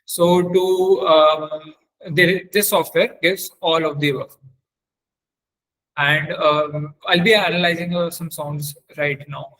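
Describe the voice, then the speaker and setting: In a low-quality recording, a man with a fairly high pitch and fairly even intonation trains a webinar audience through a live software demonstration. He speaks haltingly, often repeating or correcting himself.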